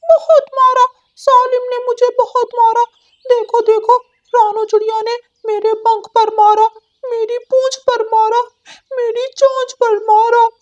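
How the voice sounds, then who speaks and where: A woman voicing a young male parrot in a cartoon, a loud tattletale who whines and stammers when scared. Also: extremely high pitch, steady tone, measured pace, lo-fi sound, pitched above the performer's own voice. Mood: wailing.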